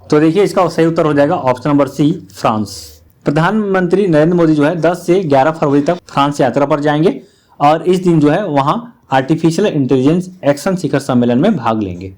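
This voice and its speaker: A man's voice: fairly high pitch, a little mellow. A man teaching a current affairs lesson for exam students, talking straight to the viewer and leaning on repeated filler phrases. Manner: repetitive filler phrases, addresses the viewer directly.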